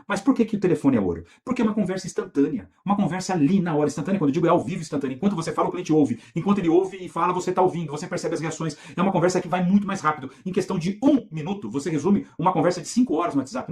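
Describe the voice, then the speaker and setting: A middle-aged Brazilian man teaching an online course lesson, emphatic and energetic, with frequent rhetorical questions. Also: a little high. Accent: Brazilian Portuguese. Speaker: real estate sales instructor.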